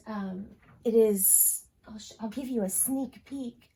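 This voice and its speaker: At home, a woman hosts a crafting tutorial for her channel, chatting casually with lots of ums and asides. Her mid-range voice is darkish with a breathy edge, and she's a little sniffly from allergies.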